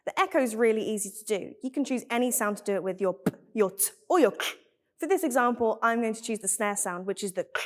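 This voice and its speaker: Woman giving a clear, upbeat beatbox lesson. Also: on the high side, lively intonation, quick pace. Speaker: beatbox teacher. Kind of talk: clear tutorial.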